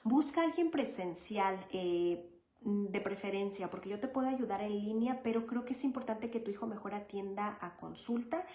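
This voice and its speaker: A woman's voice: medium pitch, moderate pace, warm tone. A woman with a mid-range voice answers viewers' questions in a live session. She explains child development patiently, in a chatty way full of fillers. The room gives her voice a roomy echo. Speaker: child psychologist.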